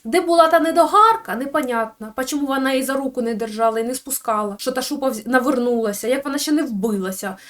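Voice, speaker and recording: A woman's voice: high-pitched, quick pace, few pauses. A woman giving sarcastic, crude, scolding gossip commentary on bloggers.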